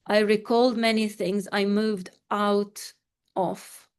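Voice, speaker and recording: A woman coach with a medium-pitched voice leads a live online session, offering gentle, repetitive affirmations and calm breathing cues. She also reads out participants' responses.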